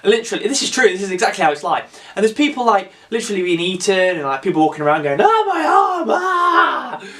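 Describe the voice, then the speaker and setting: A man casually reviewing a film on his channel, excitable and rambling, with some swearing. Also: high-pitched, racing, few pauses.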